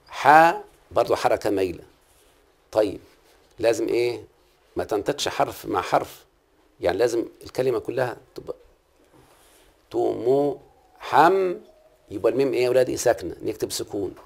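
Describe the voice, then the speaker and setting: Middle-aged Egyptian-accented male teacher, gravelly voice, patient classroom questioning. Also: mid-range voice, darkish tone. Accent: Egyptian Arabic. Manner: patient, quizzes the class and repeats key terms. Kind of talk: classroom lesson on Arabic prosody.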